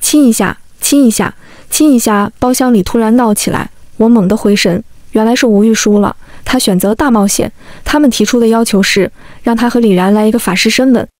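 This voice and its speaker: Female storyteller, fairly high voice, calm and steady delivery, dry close sound. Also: fairly quick, hardly any pauses, no room sound. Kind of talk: scripted first-person story narration.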